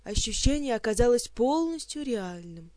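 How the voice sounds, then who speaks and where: An audiobook narrator reading a fantasy story in an expressive, lively storytelling manner. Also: medium pitch, moderate pace, no room sound.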